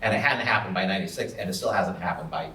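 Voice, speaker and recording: Low-voiced man, distant and echoey. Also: quick pace, background noise. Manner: thoughtful, with frequent restarts. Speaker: audience member. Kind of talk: asking a question at a panel. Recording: echoey room from far off.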